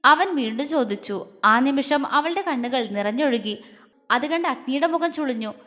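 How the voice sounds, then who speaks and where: A woman with a high voice reads a story aloud, taking every part herself in a lively way. Her voice carries a long, hall-like reverb. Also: moderate pace. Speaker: narrator. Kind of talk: storytelling audio series, reading all parts.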